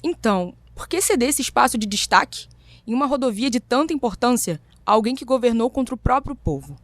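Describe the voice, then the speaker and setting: A woman's voice: on the high side, animated, fairly quick, dry recording. A Brazilian woman giving earnest scripted narration for a podcast.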